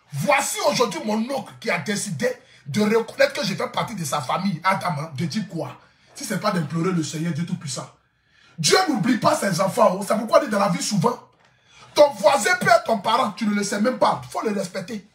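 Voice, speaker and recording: A man's voice: high-pitched, fairly bright tone, roomy sound. A man telling a story to camera, laughing often and repeating lines for effect. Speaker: social media influencer.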